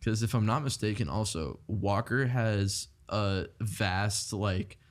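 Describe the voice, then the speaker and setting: A man's voice: fairly low pitch, slow pace. A man in his twenties, a musician guest, talking casually and rambling with lots of fillers. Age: 20s. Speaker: band member guest. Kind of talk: casual interview chat.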